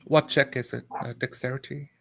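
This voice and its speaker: A man's voice: medium pitch, fairly even intonation, brisk, vocal fry, pushed and bright, a little hiss or hum. A man running a tabletop role-playing game, narrating scenes and calling results as game master.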